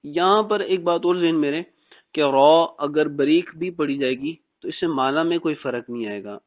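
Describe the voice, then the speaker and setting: A man from Pakistan teaching Quran reading in a recorded lesson, patiently explaining and drilling letter sounds slowly. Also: on the high side. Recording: dull, muffled recording.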